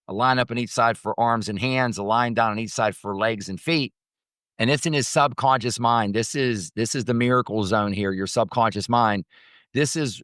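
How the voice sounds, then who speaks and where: In a studio-quality recording without echo, a man with a mid-range, somewhat bright voice delivers improvised motivational teaching. As coach and host he speaks emphatically, repeating phrases to drive his points.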